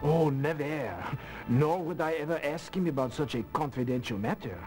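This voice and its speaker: An actor playing a suave French suspect who chuckles and deflects questions, with a French accent. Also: male voice, fairly high pitch, normal speed, darkish tone, natural voice. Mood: charming. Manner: smooth, chuckling, evasive. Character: suave French uncle suspect, chess player. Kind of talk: video game voice acting.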